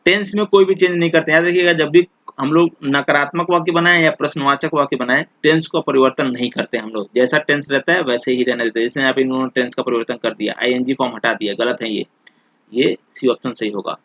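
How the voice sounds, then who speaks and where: A male teacher explaining English exam questions in Hindi, reading the example sentences out slowly and often checking back with "theek hai". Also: medium pitch, fairly even intonation, fairly bright tone, no echo, highs cut off.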